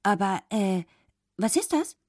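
A woman voicing a small, anxious fish boy in a storybook reading, with a squeaky, panicky voice. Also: big pitch swings, a little slow, a little mellow, no room sound, clean studio sound. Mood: curious.

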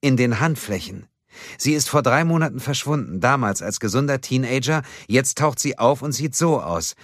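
A man reading a calm, matter-of-fact female police analyst in a raised, earnest voice in an audiobook. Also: mid-range voice, normal speed, dry recording, clean studio sound, pitched above the performer's own voice, close to an everyday voice. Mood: grave.

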